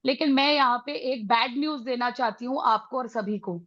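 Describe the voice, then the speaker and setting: A middle-aged woman with an Indian accent leading a motivational parenting session, mixing Hindi and English with emphatic, drawn-out phrases. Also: a little high, no echo, lo-fi sound. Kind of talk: motivational talk to a live group.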